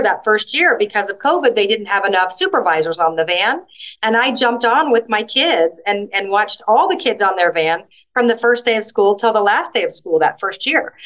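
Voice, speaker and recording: A middle-aged woman speaks as a guest author in a relaxed interview, her voice sitting a little high. She tells her stories with animation, slipping into the voices of the people she quotes. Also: rough recording. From United States. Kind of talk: casual conversational interview.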